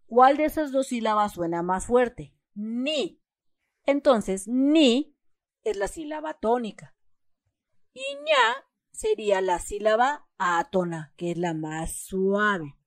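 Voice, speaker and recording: A woman with a Mexican Spanish accent gives a step-by-step homework lesson, reading example words and patiently stressing their syllables. Her voice is a little high, expressive and creaky, she takes it slowly, and the audio has no echo.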